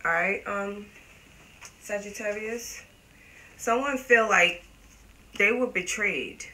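A woman's voice: mid-range voice, slow pace, rough recording. A woman giving a casual tarot reading to her viewers, chatty and emphatic, swearing freely. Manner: talks to viewers as "you guys". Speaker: tarot reader. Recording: steady background noise.

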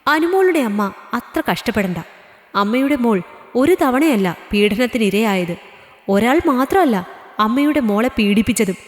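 A woman's voice: a little high, expressive, normal speed, natural voice. A woman voicing a firm, probing schoolteacher. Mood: stern. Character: strict caring female schoolteacher, middle-aged mother. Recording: echoey reverberant room.

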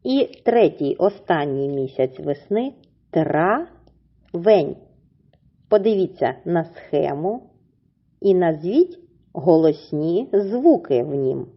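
A woman teacher with a husky voice, giving a slow, clearly enunciated reading lesson to young children and drawing out words syllable by syllable. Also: low-pitched, very animated, dull audio. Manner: syllable-by-syllable drawn-out pronunciation, encouraging. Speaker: primary school teacher.

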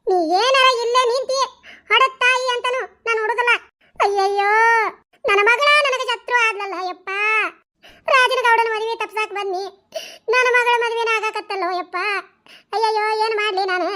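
A scheming village mother from a cartoon wails and scolds, as a woman acts her out. Her voice is extremely high and piercingly bright. She rattles off complaints in a shrill rush. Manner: wailing, scolding, rapid village banter. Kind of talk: cartoon dialogue.

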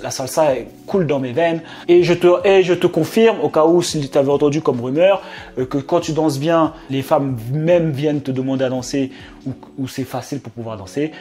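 A man's voice: on the high side, a little mellow. A man telling a casual storytime vlog as a business coach, chatty and slangy, talking straight to his viewers.

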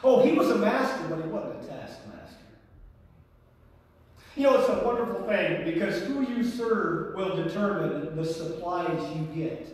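A man's voice: high voice, measured pace. A man with an American Midwest accent preaching a sermon as pastor, with rising emphasis and folksy asides. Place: church sanctuary. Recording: echoey hall from far off.

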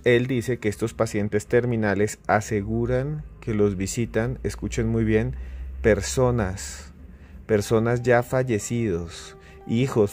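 A man hosting a podcast, narrating in a measured, emphatic way that slows on key words. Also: lowish voice, darkish tone. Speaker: podcast host.

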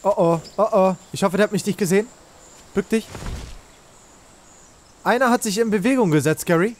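Excitable high-voiced man gaming. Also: moderate pace, slight background noise. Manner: excitable, shouts and pleads in panic, youth slang. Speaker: let's play host.

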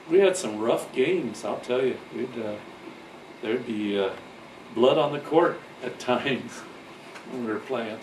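An older man reminisces about his past in a loose, rambling way, often restarting his sentences and chuckling, and he gets louder on the funny bits. He sounds far from the microphone in an echoey room, with steady background noise. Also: medium pitch. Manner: gets loud and lively on funny parts. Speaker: father telling his life stories. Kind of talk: casual reminiscing storytelling.

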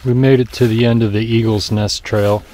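A man narrating his own hike on a snowy forest trail, describing the route in a relaxed, matter-of-fact way. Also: lowish voice, moderate pace. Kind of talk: casual hiking vlog narration.

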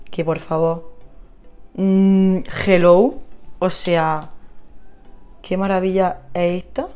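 Una vlogger de belleza con acento de España que charla de forma animada y entusiasta con sus seguidoras mientras se maquilla. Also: female voice, lowish voice, darkish tone. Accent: Spain Spanish. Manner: chatty, gushing, talks to viewers while applying makeup. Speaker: beauty vlogger. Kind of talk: casual makeup tutorial chat.

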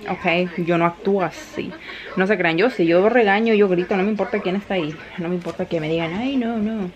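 A woman's voice: medium pitch, lo-fi sound. A woman in her thirties with a Mexican accent, chatting casually in a home vlog, often laughing and mixing in English phrases. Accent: Mexican Spanish. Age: 30s. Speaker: vlogger. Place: home kitchen while cooking.

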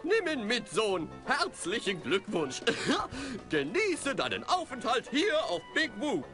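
Cartoon dog mascot, very high swooping voice, goofy drawl, short fuse, music behind. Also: male voice, huge pitch swings, slow pace, heavily acted. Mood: jolly, teasing. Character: giggling costumed carnival dog mascot, goofy, short-tempered. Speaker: game character voice actor. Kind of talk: cartoon adventure game acting. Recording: carnival game music behind.

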